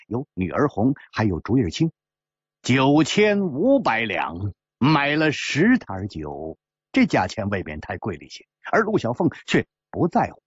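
A man narrating a traditional storytelling piece in a measured, dramatic manner. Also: mid-range voice, slightly rough, no room sound, lo-fi sound.

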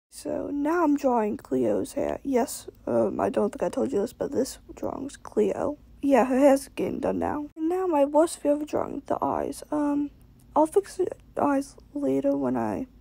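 A young woman gives a casual voice-over about her drawings, sounding exhausted. Her voice is high and mellow, breaking often into gravelly fry. The recording is close and dry. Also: no echo. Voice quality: creaky. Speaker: amateur artist narrating own drawings.

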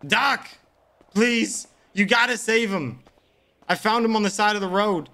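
A man streaming a role-play game, loud and frantic when he pleads for help, laid-back in casual chat. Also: high-pitched, unhurried, gravelly. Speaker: streamer playing a good samaritan character. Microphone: desk mic with webcam.

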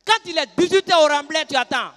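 A man telling a stand-up story in an animated, chatty way. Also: very high-pitched, quick pace, long reverb tail. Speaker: stand-up comedian.

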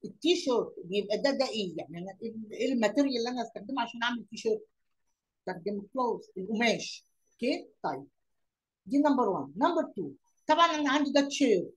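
Fast-talking Egyptian woman teacher. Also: on the high side, expressive, rough recording. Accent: Egyptian Arabic. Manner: explains slowly, repeats words and asks questions aloud; mixes English lesson words into Arabic. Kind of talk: online lesson for young pupils.

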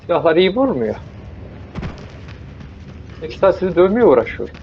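A young man streaming a zombie game, joking and talking to the zombies as he plays, sometimes bursting into yells. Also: sits high, big pitch swings, normal speed. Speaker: gameplay streamer. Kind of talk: casual let's-play commentary. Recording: dull lo-fi mic with noise.

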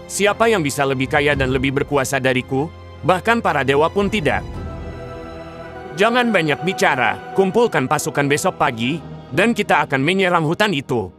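In a dubbed cartoon, a man voices an arrogant, greedy middle-aged king who boasts and barks out commands. His voice is fairly high and fairly bright, with lively intonation at a normal speed, and faint music sits behind him.

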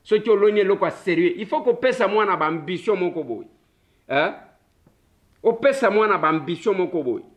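A man's voice: sits high, expressive, a little fast. A man hosting a political talk show, chatting casually between French and Lingala, joking and repeating himself.

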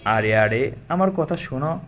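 A man's voice: medium pitch, expressive, unhurried, fairly bright tone, soft background music. A man voicing an affectionate young husband who coaxes and pleads with his wife. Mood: pleading.

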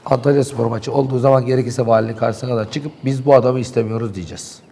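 A man's voice: medium pitch, fairly even intonation, quick pace, gravelly, mellow, slight background noise. A man in a local TV studio, animatedly and indignantly recounting events in heated talk.

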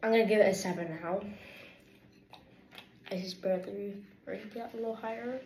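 A woman's voice: medium pitch, moderate pace, gravelly, darkish tone. A woman casually reviewing food in a rambling, offhand way while her mouth is full of sandwich. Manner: rambling and offhand, with filler words. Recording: echoey room with faint noise.

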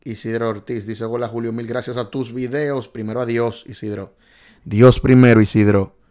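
Excitable man hosting a live quiz. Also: medium pitch, moderate pace. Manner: excitable, reads out viewers' answers, jokes and scolds. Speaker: livestream host quizzing viewers on driving test. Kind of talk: casual live quiz stream.

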